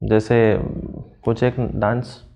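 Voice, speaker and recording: A man teaching an exam-prep lesson, walking through answers step by step and asking questions that he then answers himself, reading phrases slowly and translating them. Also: lowish voice, little pitch movement, vocal fry, lo-fi sound.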